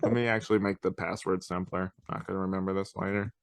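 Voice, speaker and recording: A man with a lowish voice hosts a podcast in loose, joking chat. He talks through what he's doing as he types. His sound is close and dry, with no room around it. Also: level tone, quick pace, clean tone, dry recording. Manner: joking, narrates while typing. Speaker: podcast host. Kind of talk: casual chat.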